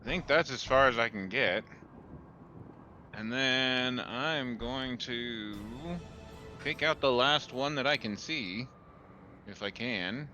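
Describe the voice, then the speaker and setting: A man playing in a tabletop game over an online voice call, working through his turn aloud in a deliberate way. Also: mid-range voice, pushed and bright, dull audio, soft background music. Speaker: player. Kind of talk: casual tabletop game chat. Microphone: online voice call mic.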